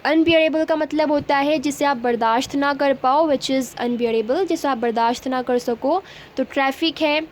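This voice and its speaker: Brief: female grammar teacher, high voice, slow acted example lines, faint background hiss. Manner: explains in Hindi, slowly acts out English example sentences. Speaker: English teacher. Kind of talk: grammar lesson.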